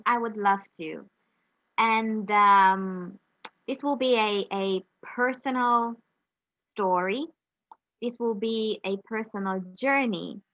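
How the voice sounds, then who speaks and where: A woman's voice: mid-range voice, no room sound. Reflective woman, dry muffled sound. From Romania. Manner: reflective, pauses with frequent fillers. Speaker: interview guest, journalist. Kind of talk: conversational interview.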